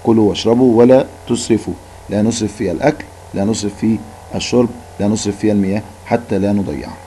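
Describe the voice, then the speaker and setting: A man's voice: lowish voice, quick pace, mellow, a little hiss or hum, low-quality recording. A male Arabic teacher with an Egyptian Arabic accent giving a recorded lesson, patiently repeating words to drill them.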